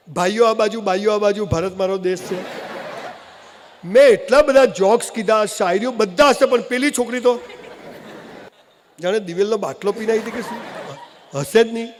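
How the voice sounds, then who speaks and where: A man from Gujarat, India, giving a humorous motivational speech, telling animated stories with jokey asides. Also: high voice. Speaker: motivational speaker. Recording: long hall reverb, faint noise.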